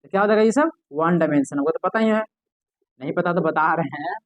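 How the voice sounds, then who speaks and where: A man's voice: fairly high pitch, fairly quick, no room sound. A man teaching an exam-prep math lesson, often asking the class a question and answering it himself.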